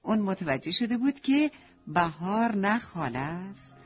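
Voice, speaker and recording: A woman storyteller narrating a children's story in an animated, affectionate way for young listeners. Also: mid-range voice. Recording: dull lo-fi with faint music.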